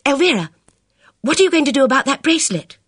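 A woman reading an audiobook, voicing an anxious, excitable young woman on the telephone in a breathless, agitated manner. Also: high voice, quick pace, no echo, clean studio sound, voice pushed up. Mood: worried.

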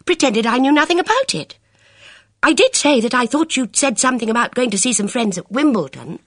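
A woman reading an audiobook, voicing an anxious, excitable young woman on the telephone in a breathless, agitated manner. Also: on the high side, brisk, dry recording, studio quality, pitched above the performer's own voice.

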